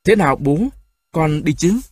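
A man voicing a young mother who speaks firmly but softly, in an audiobook reading. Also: medium pitch, a little fast, slightly rough, dry recording, studio quality, close to an everyday voice. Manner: firm but soft-spoken. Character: young mother, quietly defiant.

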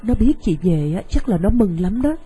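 A coaxing, persuasive woman friend in a radio play, played by an actress. Her voice is mellow and a little breathy, and she talks in a reassuring, practical way. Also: medium pitch, lively intonation, normal speed, soft background music, rough recording. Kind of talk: radio drama acting.

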